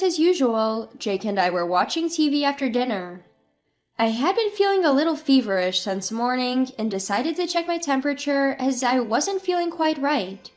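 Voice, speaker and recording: Woman, thirties, high voice, calm measured narration, scripted first-person story. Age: 30s.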